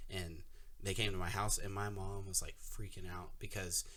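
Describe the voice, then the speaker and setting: A man chatting casually on a podcast and telling a long story with animated energy. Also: sits low, moderate pace, slight background noise. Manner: storytelling, animated, laughs often. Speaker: podcast co-host. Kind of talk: casual chat. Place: podcast recording, audio only.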